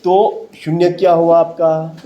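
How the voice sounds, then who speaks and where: A man's voice: on the high side, little pitch movement, takes it slowly, muffled recording. A man teaching a maths lesson to a classroom of students, repeating each step and quizzing them with questions. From central India.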